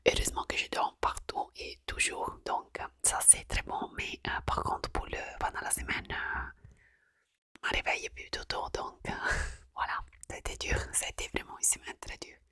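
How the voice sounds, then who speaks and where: A woman whispers in soft ASMR style, with an Italian accent. The sound is bright and very dry, as if right at the microphone. She talks casually and haltingly, often feeling for the next word. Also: no echo. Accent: Italian accent in French. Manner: hesitant, searching for words in French. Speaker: ASMR creator. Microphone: close microphone. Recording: close, dry whisper recording.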